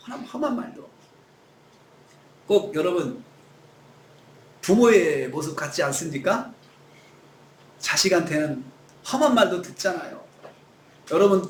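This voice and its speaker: A man's voice: high voice, a bit bright, echoey room, slight background noise. A male pastor preaching a sermon, acting out quoted lines in shifting voices. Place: church sanctuary.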